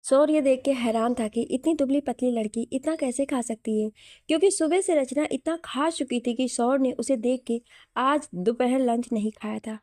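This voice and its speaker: A woman reading a romantic story aloud as a steady, scripted narration. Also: sits high, normal speed, dry recording, studio quality.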